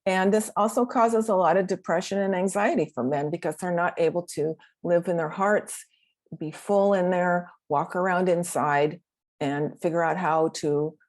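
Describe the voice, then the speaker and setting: A woman's voice: fairly low pitch, steady tone, normal speed, a little mellow. Earnest woman giving a workshop talk. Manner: earnest, reflective, with restarts. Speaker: workshop speaker and therapist.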